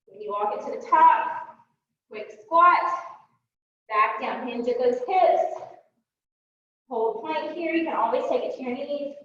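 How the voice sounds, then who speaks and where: A high-voiced woman fitness instructor calls out upbeat workout cues as she moves through the exercises, a little winded, dropping in fillers between moves. She stands away from the mic in a strongly echoing studio, and the sound is dull with a faint hiss. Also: lively intonation, measured pace, pauses often, fairly bright tone. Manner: upbeat cueing with frequent "um" fillers; talks while moving and exercising. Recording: echoey room, distant mic, dull sound.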